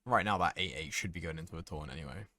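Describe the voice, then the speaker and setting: A man's voice: sits low, quick pace, heavy background noise. A man thinking aloud in casual, wry and sweary commentary as he plays a card game. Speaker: gaming content creator playing a card game.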